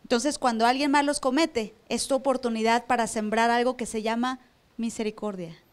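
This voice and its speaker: High-voiced woman pastor preaching. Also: fairly even intonation, moderate pace, clear, resonant tone. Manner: preaches with rhetorical questions, acts out church members. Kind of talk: sermon. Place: church service.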